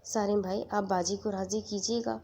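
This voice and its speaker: A woman's voice: mid-range voice, little pitch movement, dark tone, a little hiss or hum, natural voice. A woman voicing an anxious young man who pleads with a trembling voice. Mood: pleading.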